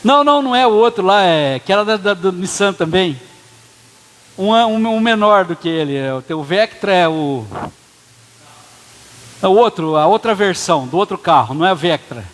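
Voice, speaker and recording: Pastor with a high voice in a reverberant church. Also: male voice, lively intonation, normal speed. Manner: casual storytelling with quoted dialogue. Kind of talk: sermon storytelling. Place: church hall.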